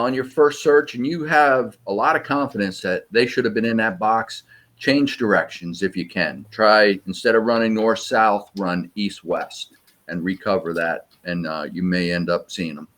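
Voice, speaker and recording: A man answering interview questions, explaining search methods in a practical, measured way. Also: lowish voice, a bit bright. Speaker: sonar search trainer.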